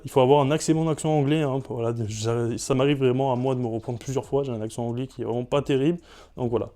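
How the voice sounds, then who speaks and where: A man's voice: on the high side, warm tone. A man presenting a product review vlog in a chatty way, with frequent fillers. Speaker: tech reviewer.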